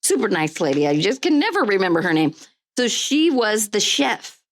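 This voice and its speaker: A woman's voice: medium pitch, sing-song, moderate pace. A woman from California, a local business owner, chatting as a podcast guest, laughing often and drifting onto tangents. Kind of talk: casual chat.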